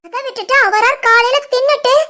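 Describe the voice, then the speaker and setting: Heavy background noise surrounds a woman voicing a furious middle-aged village mother-in-law in an animated family drama. She talks a little fast, with a Tirunelveli Tamil accent and a shrill, scolding manner.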